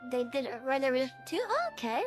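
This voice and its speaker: A streamer speaks through a real-time voice changer that gives a high, feminine-sounding voice. The talk is loose and rambling, with plenty of ums and restarts. Faint music plays softly behind. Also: a little fast. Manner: rambling, many fillers and restarts. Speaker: game streamer. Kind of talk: casual live-stream chat.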